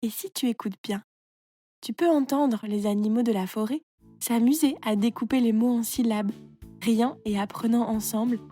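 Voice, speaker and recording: A woman's voice: fairly high pitch, mellow, soft background music. Woman narrating a children's story. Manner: clear, measured storytelling.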